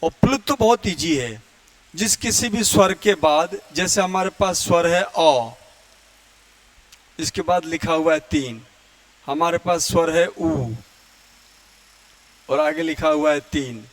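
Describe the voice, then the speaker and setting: Slow high-voiced male Hindi teacher. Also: no echo. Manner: explains slowly, chants vowels and Sanskrit verse to demonstrate; clears throat often. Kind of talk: classroom lecture.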